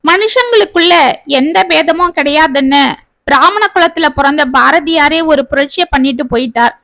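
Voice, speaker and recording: Woman doing a tearful young woman, pleading, bright high voice, dry sound. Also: normal speed, no room sound. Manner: pleading, confessional.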